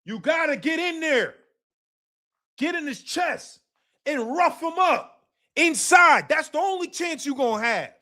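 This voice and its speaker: Very high-voiced and expressive, this man hosts a live boxing talk stream at an unhurried pace with long pauses. He speaks casually and emphatically, hammering his points repeatedly, swearing and shouting at times.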